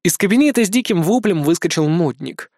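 A man reading a story aloud as an audiobook narrator, in an even storytelling voice. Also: high voice, brisk, dry recording, clean studio sound. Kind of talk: scripted narration.

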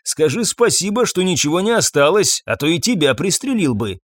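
A man's voice: fairly high pitch, big pitch swings, fairly quick, no room sound, voice pushed up. A man voicing a short, stocky, menacing armed thug in an audiobook, with a coarse, threatening manner and a very dry sound. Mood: sneering.

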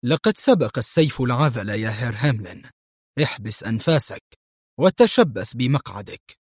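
A man playing a cool, daring hero in an audio thriller, steady and confident with a touch of irony. He speaks in an even, slightly high voice, recorded close and dry. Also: fast, dry recording. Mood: calm. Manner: calm, confident, ironic. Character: calm daring male hero, a colonel.

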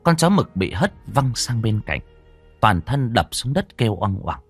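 A man narrating a horror story in a dramatic, expressive storytelling manner. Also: on the low side, unhurried, breathy edge. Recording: dry close voice over faint music.

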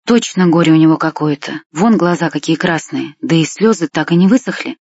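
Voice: mid-range voice, a little fast, a little mellow, husky, no echo. A reader narrating a first-person story in a plain, wry, confiding way. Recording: dull lo-fi dry recording.

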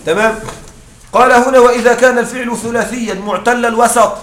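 Man, grammar teacher, high voice, echoey classroom, slow recited verse, keeps checking understanding. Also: steady tone, a bit bright, slight background noise. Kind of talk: classroom lesson explaining a text.

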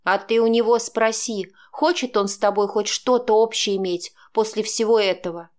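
A woman's voice: medium pitch, steady tone, moderate pace, a little mellow, close to an everyday voice. A woman voicing a cold, sarcastic middle-aged mother who speaks in a cutting, scornful way.

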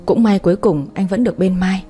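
A woman reading the part of a drunk young husband, speaking in a slow, drawn-out, whiny slur. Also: medium pitch, mellow, husky, faint music behind, close to an everyday voice. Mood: drunk tender. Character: drunk young husband, slurring, clingy and tender.

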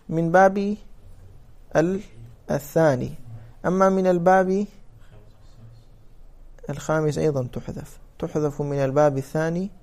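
A man lecturing on grammar with a somewhat high voice. He explains step by step and stops often to ask whether the class follows. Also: warm tone. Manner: explains step by step, checks understanding with questions. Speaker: teacher of Arabic morphology.

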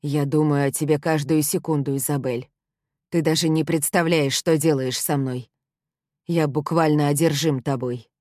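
A woman reading the part of an intense, obsessive young man in a storybook, speaking calmly and pressingly. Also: low-pitched, normal speed, dry recording, studio quality, lightly acted. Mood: pleading. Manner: calm, quietly pressing.

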